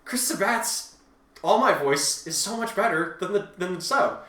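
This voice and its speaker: A fan fiction author co-hosting a show casually comments on listener reviews, explaining himself emphatically, defensively and at rambling length. His voice sits high, with lively intonation, a moderate pace and a fairly bright tone. The home recording is roomy and echoey with a distant mic and a little hiss or hum.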